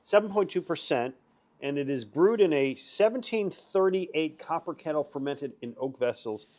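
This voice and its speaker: Animated, jokey male TV co-host. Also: a little high, normal speed. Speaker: TV show co-host. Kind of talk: casual on-air beer tasting chat. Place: at a bottle shop.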